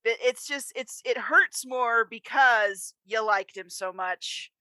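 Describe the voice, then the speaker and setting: Discussing a film on a podcast she co-hosts, a woman chats casually but emphatically, tossing in exasperated asides. She takes it slowly, her slightly high voice bright and forceful, with no echo.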